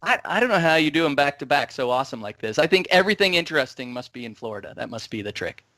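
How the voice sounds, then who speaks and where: Man hosting a tech show, higher voice, upbeat and joking, dry close sound. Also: sing-song, fast talker, pushed and bright, dry recording. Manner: upbeat, joking, rambling with restarts. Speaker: podcast host. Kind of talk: casual tech show chat.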